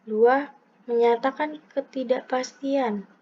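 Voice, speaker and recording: Young female presenter, higher voice, soft husky tone, steady numbered delivery, dull lo-fi sound. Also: slow. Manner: methodical, numbering each point in turn. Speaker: presenter explaining punctuation. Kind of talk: scripted lesson read aloud. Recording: dull lo-fi recording.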